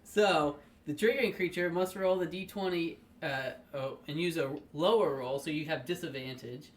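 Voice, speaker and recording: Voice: medium pitch, normal speed, distant mic. A playful player at a tabletop game, laughing and joking with the table. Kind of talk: casual game chat.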